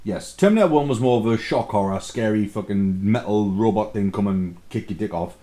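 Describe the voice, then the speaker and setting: A man's voice: fairly low pitch, brisk, dark tone. A man chatting casually and crudely as he co-hosts a film review, blunt and full of swearing. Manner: talking while drinking beer and eating pizza.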